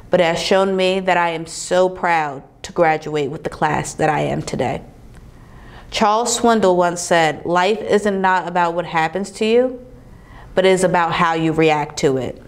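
A young woman delivers her graduation address as class president, earnest and measured. Her voice sits on the lower side, and she pauses between the items she lists. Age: young adult. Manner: earnest, measured, reads a list-like speech with pauses. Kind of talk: prepared commencement speech. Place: studio in front of a backdrop, indoors.

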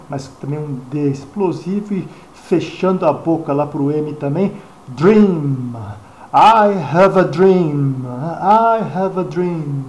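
A Brazilian man with a fairly high voice teaches English pronunciation in a chatty way, often asking his listeners questions. He repeats each example word. The sound is echoey, as if recorded in a bare room. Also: dark tone, slight background noise. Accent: Brazilian Portuguese. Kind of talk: screen-recorded pronunciation lesson.

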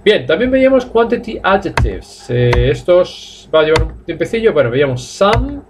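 A man from Spain with a Spanish accent, teaching a live online English class, explaining in Spanish and modelling slow drill sentences in English. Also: on the high side, very animated, background noise. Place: language academy classroom.

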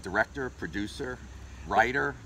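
A middle-aged man hosting a street interview outdoors, asking quick, upbeat questions. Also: medium pitch, expressive, bright, forceful tone. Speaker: host. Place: outdoor parking lot. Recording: outdoor traffic noise. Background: traffic and outdoor ambience.

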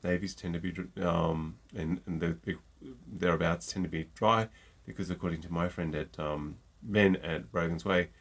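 This middle-aged man has a low, husky voice with a steady tone, a moderate pace and few pauses. Stuffy from a cold, he reviews gin in a casual tasting chat to camera, joking and saying um a lot. He sits close to a desk mic in a room at home lined with shelves of bottles.

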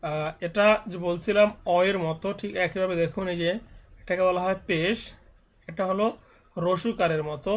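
A man teaching Quran reading in a step-by-step tutorial, patiently explaining and slowly reciting each letter sound. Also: high voice, fairly even intonation.

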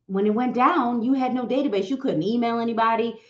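A woman giving social media advice to an audience, talking in a direct, teasing and animated way. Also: on the high side, fairly quick. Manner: animated, direct, teasing, acts out quoted voices. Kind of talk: motivational talk to an audience. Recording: roomy, slightly dull sound.

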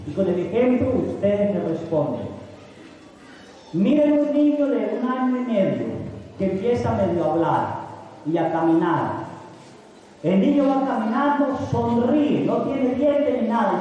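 A middle-aged priest delivers a sermon in a striking high voice with a soft, mellow tone, putting questions to his congregation and answering them himself. He was recorded from a distance in a large hall, so his words ring with long reverb. A faint noise sits underneath. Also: animated, a little slow, lo-fi sound. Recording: echoey hall recorded from far off.

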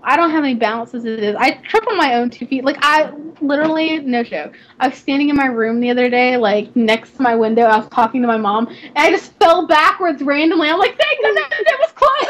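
A young woman with a Southern accent, chatting and giggling in a rambling, excitable way while live-streaming a game. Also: sits high, a little fast, hardly any pauses. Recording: slightly dull, faint noise.

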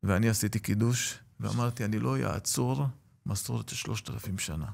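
Gravelly middle-aged man telling stories. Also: on the low side. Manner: animated storyteller, acts out quoted voices. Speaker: rabbi and lecturer. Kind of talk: storytelling in an interview.

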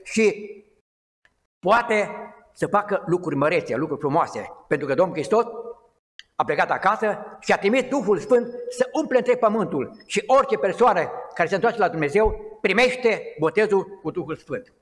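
A middle-aged man giving an informal, rambling sermon in a small church, with halting restarts. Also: high voice, expressive, a bit bright. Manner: conversational and digressive, with halting restarts. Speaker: lay preacher. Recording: long hall reverb.

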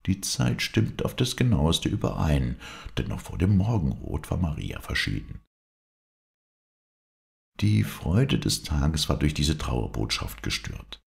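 A man reading an old ghost story aloud in a measured, expressive narration. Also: extremely low pitch, creaky. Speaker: audiobook reader.

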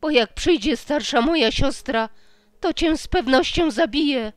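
Woman doing a loud, blunt old witch. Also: high voice, measured pace, dry recording, pitched above the performer's own voice. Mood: warning. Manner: loud, sharp exclamations. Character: younger old witch sister, wary and blunt.

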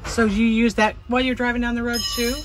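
A woman's voice: a little high, flat delivery, quick pace, music in the background. A woman vlogging her new van pickup, casually asking curious follow-up questions, recorded on a phone. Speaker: vlog host, van buyer. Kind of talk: casual vlog chat.

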